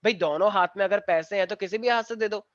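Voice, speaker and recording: A man with a high-sitting voice teaches chemistry at a quick pace, playfully teasing the class and slipping English terms into his explanations. Crowd noise is audible, and the recording is dull, dry, and slightly lo-fi.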